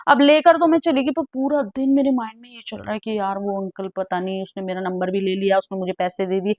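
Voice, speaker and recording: A young woman recounting a personal story in a casual, animated way, with exclamations and English words mixed into her speech. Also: medium pitch, brisk, no echo.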